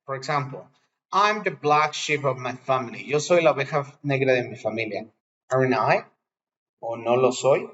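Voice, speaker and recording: A man teaches English grammar in a patient, explanatory way, mixing with English example sentences. His voice sits at a middle pitch, and the recording sounds slightly dull and lo-fi. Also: measured pace, a bit bright. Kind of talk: bilingual grammar lesson.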